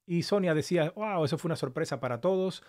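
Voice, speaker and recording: A man with a fairly high voice hosts a casual live stream. He sounds a bit hoarse from talking for a long while. He addresses his viewers by name with open affection. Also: lively intonation, fast talker, darkish tone. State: slightly hoarse after an hour of talking.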